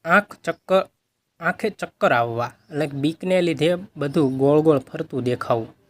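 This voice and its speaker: A man, working as a tutor, reading vocabulary words and their meanings aloud in a steady list. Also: on the high side, moderate pace.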